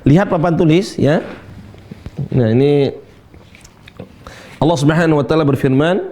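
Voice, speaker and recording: A male Quran teacher leading a call-and-repeat tajwid lesson, reciting verses slowly and demonstrating letter sounds, with gentle encouragement between counts. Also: fairly high pitch.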